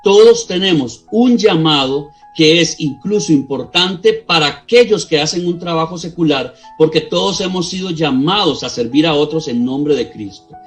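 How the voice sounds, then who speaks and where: A man's voice: a little high, moderate pace, few pauses. A middle-aged man with a Costa Rican accent preaching a sermon as pastor, earnest and addressing his listeners directly. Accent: Costa Rican Spanish. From Costa Rica. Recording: faint music behind the voice.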